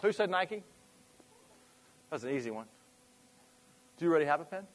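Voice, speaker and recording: A man's voice: fairly high pitch, lively intonation, moderate pace. A man giving an informal business presentation to a room, asking the audience questions and often restarting his sentences. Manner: conversational, asks the audience questions, trails off and restarts. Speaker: presenter at a fitness club industry meeting.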